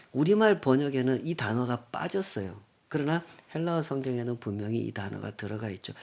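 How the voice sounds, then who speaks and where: A male pastor giving a Sunday sermon, emphatic and full of rhetorical questions, dropping from loud lines to near-whispers. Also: mid-range voice, creaky.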